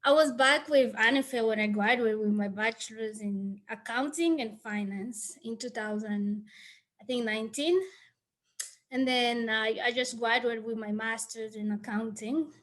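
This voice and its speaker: A woman's voice: fairly high pitch, steady tone, a little slow, fairly bright tone. A woman from the Congo, a graduate, earnestly telling her story on a video call.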